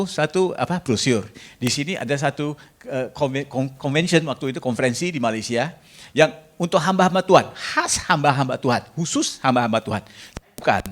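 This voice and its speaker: Fairly high in pitch and fairly bright in tone, a man's voice leads a lighthearted sermon. He banters with the congregation and asks them to raise their hands, sprinkling English phrases throughout.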